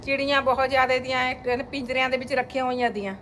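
A woman's voice: high voice, flat delivery, fast, fairly bright tone, a little hiss or hum. A woman chatting casually to viewers at home as a vlogger. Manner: chatty, addresses viewers directly. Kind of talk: casual home vlog narration. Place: family home with courtyard.

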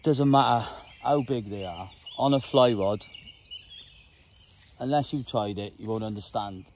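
This fishing guide's presenter, a man in his thirties, has a mid-range, darkish voice and speaks unhurriedly in short, informal bursts as he fishes. The vlog is recorded outdoors on a wooded lake bank with clear nature noise around him.

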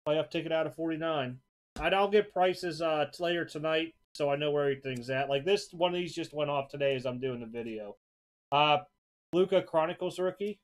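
A man casually showing off trading cards for an upcoming auction, talking in an easygoing, rambling way at a desk at home. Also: fairly high pitch. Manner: easygoing, rambling, repeats words. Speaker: sports card seller hosting an auction preview. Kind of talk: casual card showcase narration. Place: home card room, indoors.

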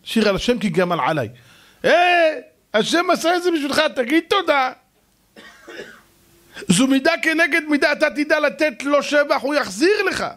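A man, a rabbi, giving a sermon with animated storytelling and speaking directly to his listeners. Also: extremely high pitch.

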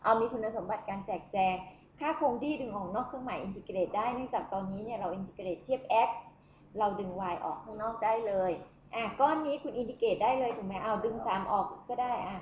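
A woman's voice: on the high side, quick pace. A woman lecturing at a university on math, who keeps asking the class questions as she works through the steps. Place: lecture room. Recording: echoey room, tinny phone-like sound, faint noise.

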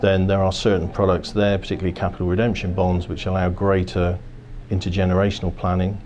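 A financial services executive in his fifties gives a business interview from a quiet indoor office, seated, with faint ambience behind him. His low voice is dark and fairly flat, and he talks quickly in a steady corporate manner while repeatedly circling back to restart his phrases.

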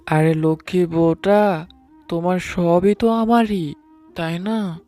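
Over background music, a man narrates a dramatized love story in the first person, playing an affectionate husband who likes to tease. His voice is high-pitched, mellow and steady, delivered slowly with no echo.

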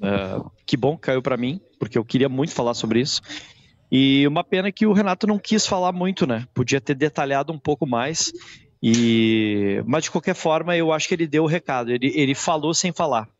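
A man reporting from the stadium after a football match, relaxed and conversational. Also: mid-range voice, a little fast. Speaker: pitchside reporter. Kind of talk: live football post-match talk. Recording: dull lo-fi remote feed.

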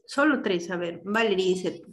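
A woman's voice: medium pitch, lively intonation, normal speed. Woman teacher, directive online class voice, patient explainer.

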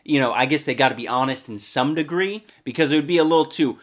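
A man's voice: mid-range voice, quick pace, a little hiss or hum. A young man hosting a comedy commentary video, talking in a crude, mocking way and sliding into goofy voices. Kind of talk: sarcastic commentary.

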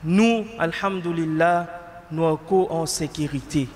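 A man in his thirties, an imam with a Mauritian Creole accent, preaches a Friday sermon at a stand mic positioned close to his mouth inside a mosque prayer hall. His fairly high voice moves a little slowly, echoing as in a large hall, with a bit of hiss or hum. He asks rhetorical questions fervently and turns to Arabic recitation.

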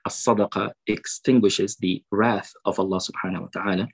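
A man giving a fundraising sermon over a video call. He quotes Arabic sayings, then translates and explains them slowly. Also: low-pitched, fairly even intonation, vocal fry, husky, poor audio. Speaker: preacher at a fundraiser.

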